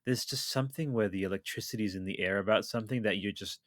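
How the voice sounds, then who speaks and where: A podcast host in his thirties chats eagerly and rambles through casual conversation, packing his speech with fillers. His voice sits on the low side and moves fast, recorded dry with clean studio sound.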